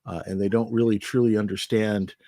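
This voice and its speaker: A man's voice: lowish voice, steady tone, brisk, mellow, no room sound, studio quality. A man hosting a podcast interview, chatty and enthusiastic, often restarting his sentences. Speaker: podcast host. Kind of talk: conversational interview.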